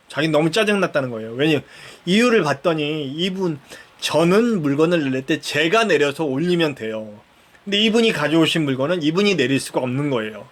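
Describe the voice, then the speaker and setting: A man preaching a sermon in a conversational storytelling way, acting out bits of dialogue and putting questions to the listeners. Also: fairly high pitch. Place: church.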